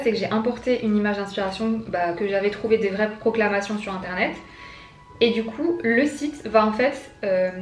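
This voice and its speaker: A young woman with a fairly high voice talks through a design tutorial in a playful, chatty vlog. She sounds a little distant from the mic, in a roomy space with echo. Soft music plays underneath. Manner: chatty, playful, addresses viewers directly. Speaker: vlogger and graphic designer.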